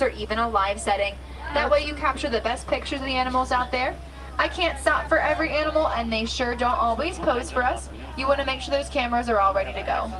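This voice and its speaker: A woman with a fairly high voice narrates a safari tour from a truck outdoors. She addresses her passengers in a scripted, instructive guide's style, laying out information and directions. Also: poor audio.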